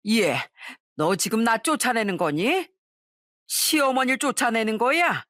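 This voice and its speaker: A woman's voice: expressive, a little slow, a bit bright, no echo, studio quality. A woman voicing a pushy, shameless older mother-in-law in an audio story, with a demanding, wheedling manner. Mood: furious. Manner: demanding, wheedling then shrill.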